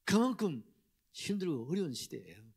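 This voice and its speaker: A middle-aged man gives a Sunday sermon in a church sanctuary. His voice sits somewhat high for a man and swings widely in pitch. He keeps throwing rhetorical questions out to the congregation. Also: very animated, moderate pace, creaky, husky. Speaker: pastor.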